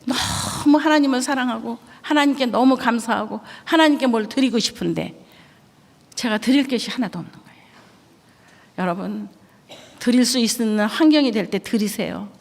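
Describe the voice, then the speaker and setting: A woman's voice: fairly high pitch, moderate pace, gravelly. An older woman missionary giving an emotional testimony sermon, telling her story with quoted dialogue. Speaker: missionary preacher. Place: church sanctuary. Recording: long church hall reverb.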